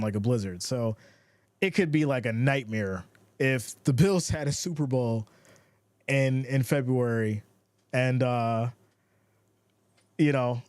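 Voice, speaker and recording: A man's voice: medium pitch, a little mellow, clean tone, no echo. A man doing casual play-by-play for a football livestream, reading viewer comments between plays in a laid-back way. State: has the hiccups.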